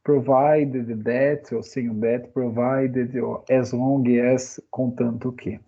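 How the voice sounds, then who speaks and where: Speaking slowly and flatly in a mid-range voice, a man with a Brazilian Portuguese accent teaches English grammar in a relaxed online class. He is chatty and keeps ending sentences with "né?" The recording is muffled.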